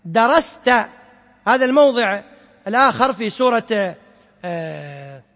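A man, a sheikh, teaching a class. He quizzes his students and recites quoted verses slowly. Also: high voice, sing-song, a bit bright, long reverb tail. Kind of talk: classroom lecture explaining a poem on Quran sciences.

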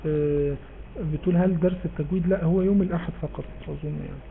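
An Egyptian man teaches recitation rules to an online class, posing questions and answering them himself. His voice is high and he speaks quickly. It comes through a narrow, phone-like line with a faint hiss behind it. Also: fairly even intonation, gravelly. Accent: Egyptian Arabic. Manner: explains patiently, asks and answers his own questions. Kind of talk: live online class with students. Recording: tinny phone-like line with faint background noise.

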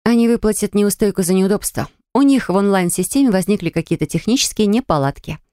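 A woman's voice: mid-range voice, quick pace, mellow, no room sound, natural voice. A woman voicing a blunt, sardonic young tomboy with a dry, cutting manner in audiobook dialogue. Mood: businesslike.

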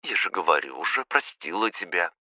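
A man voicing a calm, forgiving young woman who speaks softly, quietly and gently in a storybook reading. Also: sits low, brisk, no room sound, heavily acted. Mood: soothing.

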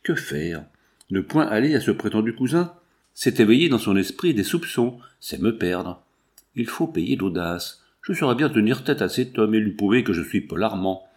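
A man voicing a cunning male impostor brooding over his secret in a low inner monologue. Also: sing-song, normal speed, a little mellow. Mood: anxious. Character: cunning male impostor, anxious, scheming, middle-aged.

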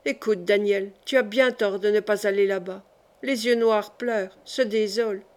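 A woman reading a gentle caring brother. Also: mid-range voice, steady tone, normal speed, lightly acted. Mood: tender. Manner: soft, tender scolding. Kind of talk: audiobook reading.

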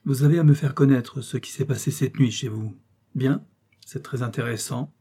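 A man voicing a shrewd, confident male police detective in disguise, with a brisk, commanding delivery. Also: medium pitch, dark tone, breathy edge, lightly acted. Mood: brisk, assured.

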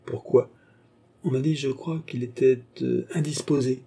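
Male reader as a pained, stiff officer, husky and dark. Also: medium pitch, steady tone, measured pace, voice pushed up. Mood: reluctant. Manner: stiff, reluctant. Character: upright young officer, man, stiff and pained. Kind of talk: audiobook character voice.

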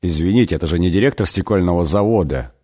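A man's voice: low-pitched, fast, warm tone. A man voicing Judas as a sheepish, money-loving figure who pleads and whines. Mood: conspiratorial. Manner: whiny, pleading.

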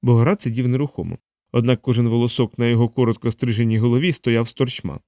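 A man reading a novel aloud as audiobook narrator, with steady, even storytelling. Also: medium pitch, fast, no room sound, clean studio sound. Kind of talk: scripted narration.

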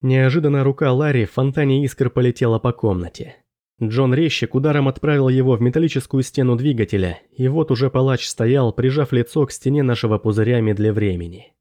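A man with a mid-range voice narrates a first-person fantasy audiobook, telling the story in a measured, steady way.

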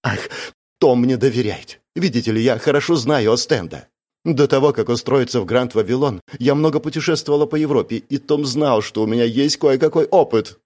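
A man's voice: medium pitch, fairly quick, darkish tone, voice pushed up, natural voice. A man doing a tearful, frightened young woman. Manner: pleading, breathless swearing.

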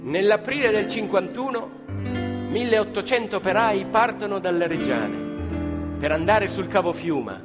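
A man who performs as a stage storyteller and actor delivers a dramatic, theatrical narrative, speaking emphatically and repeating phrases for effect. His intonation is lively and his pace unhurried. Live violin, piano and double bass play behind him.

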